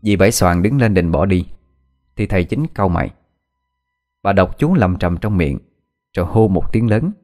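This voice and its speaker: A man narrating a scripted horror story in a steady, measured way. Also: deep voice. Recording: faint background music.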